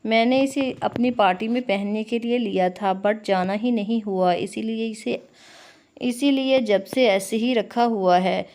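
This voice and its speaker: Woman reading friendly caring young sister-in-law, coaxing, warm mellow voice, storybook. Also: a little high, fairly even intonation, a little slow. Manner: friendly, persuasive.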